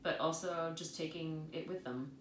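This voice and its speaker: Chatty young woman co-hosting a wine podcast, lowish voice, echoey room with faint hum. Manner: animated, chatty, quick laughs. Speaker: podcast co-host. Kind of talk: casual wine-tasting chat.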